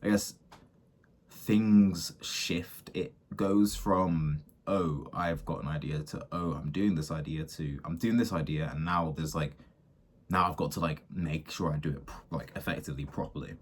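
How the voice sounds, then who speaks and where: A man, a small business owner thinking out loud in a casual, rambling way, full of fillers and restarts. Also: very deep voice, moderate pace, husky. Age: 20s. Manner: rambling, self-interrupting, many fillers.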